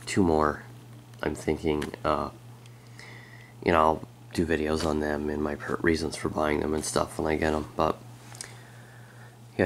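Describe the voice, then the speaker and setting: With a bass voice slightly strained from being sick, this tech vlogger casually shows off his laptop. He goes slowly and haltingly, pausing often, and there's slight noise in the background.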